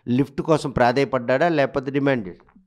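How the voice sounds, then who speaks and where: Man asking formal, halting news questions. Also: mid-range voice, darkish tone. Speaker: news reporter.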